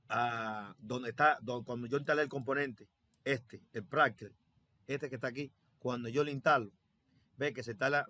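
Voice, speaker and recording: A man's voice: medium pitch, a bit bright, dry recording. A man teaching a programming tutorial step by step over his screen, repeating himself and thinking aloud with many fillers. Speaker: software instructor.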